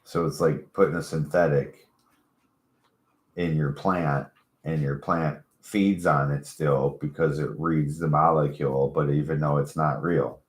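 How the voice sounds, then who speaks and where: A man with a very low voice chats loosely and profanely, spinning stories and acting out the other people in them. He sounds like he's in an echoey room. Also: steady tone, measured pace. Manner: laid-back, profane, storytelling with acted-out quotes. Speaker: co-host. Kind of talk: casual stoner chat.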